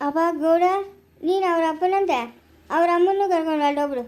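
A woman with a rural Karnataka Kannada accent playing a meddlesome village woman who goads and teases with quick jibes in an amateur family skit. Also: extremely high pitch, a little mellow, a little hiss or hum. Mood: teasing. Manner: teasing, goading, quick jibes.

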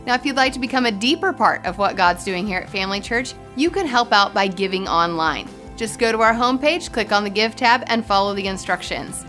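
A woman's voice: medium pitch, brisk, few pauses, a bit bright, faint music behind. A woman in her thirties giving a scripted welcome announcement as an online church host.

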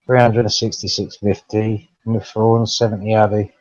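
A man's voice: lowish voice, little pitch movement, moderate pace, darkish tone, highs cut off. A young man on a headset mic in gameplay chatter, calling out blunt instructions and swearing. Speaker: gamer.

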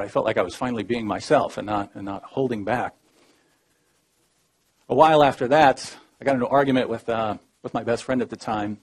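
A man in his thirties giving a personal testimony as a debater, in a measured, low-key storytelling manner that often drops quiet. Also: husky.

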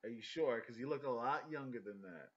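A man in his thirties, a YouTuber teasing a stranger in a loud, playful video chat, swearing freely. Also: mid-range voice, brisk, husky, lo-fi sound. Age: 30s. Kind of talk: casual prank video chat. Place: indoor room at a desk.

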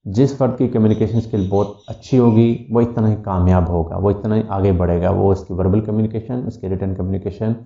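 A man's voice: lowish voice, steady tone, a little fast, gravelly, hardly any pauses, dark tone. A man speaking with an Urdu accent, an educator giving a lecture-style talk that mixes in English terms, with frequent "uh" fillers. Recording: echoey room, dull lo-fi sound.

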